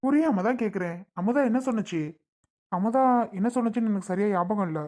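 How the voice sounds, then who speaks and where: A woman's voice: mid-range voice, quick pace, a little mellow, natural voice. A woman playing a patient relative who coaxes and apologizes, a bit exasperated, in a family skit. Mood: coaxing. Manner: coaxing, exasperated.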